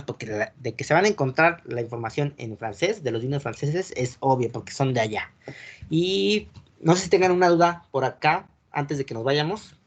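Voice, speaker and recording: A wine course teacher with a Mexican Spanish accent lectures his class, walking through the material step by step and frequently checking that students are keeping up. His voice is fairly high, and the audio sounds dull.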